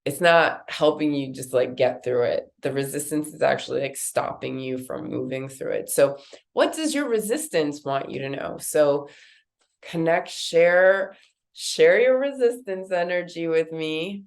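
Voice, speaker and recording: A woman's voice: low voice, expressive, measured pace. A woman with a nasal voice guiding viewers through a card reading in a casual, rambling way, full of fillers. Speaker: card reader. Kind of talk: guided intuitive card reading.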